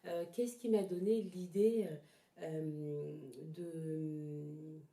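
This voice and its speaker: In an echoing room of a house, a traditional therapy practitioner answers interview questions with personal reflection, pausing and repeating herself while searching for words. Her voice is deep and dark with fairly even intonation. She was born in Togo, spent time in Ghana, and came to France as a child.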